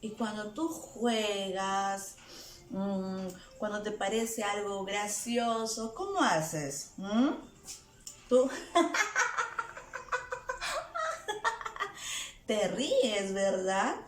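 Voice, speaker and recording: Slow-talking woman teaching small children. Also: medium pitch. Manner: asks the children questions; playful, acts out sounds. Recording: echoey room with faint music.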